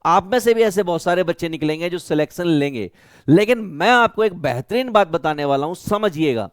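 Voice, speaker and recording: Young Indian male teacher, brotherly, asks himself questions, smooth clear tone, dry close sound. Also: sits high, expressive, brisk, no room sound. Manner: talks directly to students as a big brother, asks and answers his own questions. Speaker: online teacher for class 11 students. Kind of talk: motivational study-advice lesson.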